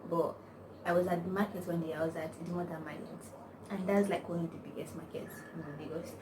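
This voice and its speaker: She talks fast, with a voice on the low side and fairly even intonation. A young Nigerian-accented vlogger, she rambles casually to camera with plenty of slang and a constant "like." Expect a distant mic and a noisy setting.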